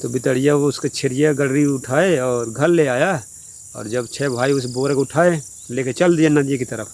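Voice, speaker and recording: A man's voice: mid-range voice, normal speed, a little mellow, a little hiss or hum. Man rambling through a village folk tale. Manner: plain, rambling, repetitive. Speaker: storyteller. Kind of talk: casual oral folk storytelling.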